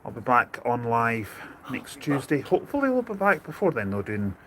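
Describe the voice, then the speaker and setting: A man's voice: medium pitch, huge pitch swings, normal speed, a bit bright, a little hiss or hum. A man hosting an outdoor live stream, chatting casually and easygoingly with a friend and his viewers. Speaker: host of a travel live stream.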